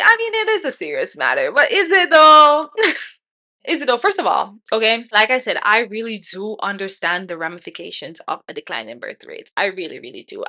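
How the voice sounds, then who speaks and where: Blunt bright-voiced woman in her twenties. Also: medium pitch. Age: 20s. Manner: blunt, laughs often, rhetorical questions. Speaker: podcast host. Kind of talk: casual opinion monologue. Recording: odd-sounding mic.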